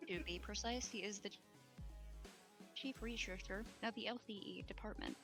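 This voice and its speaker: A woman reading video game dialogue in a group session, in a cool, precise, deadpan way. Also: medium pitch, normal speed. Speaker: voice actor reading game lines with friends. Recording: music playing behind.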